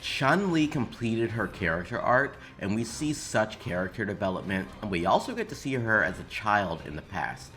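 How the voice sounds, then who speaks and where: A man who makes video game commentary speaks in a lowish, sing-song voice that sounds pushed and bright, at normal speed and with hardly any pauses. His opinionated video essay is emphatic, casual and occasionally profane.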